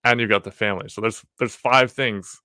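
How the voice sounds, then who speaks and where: Crisp, bright-voiced man hosting a podcast. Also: on the low side, fairly even intonation, brisk, no room sound, clean studio sound. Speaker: podcast host. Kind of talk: casual conversational interview.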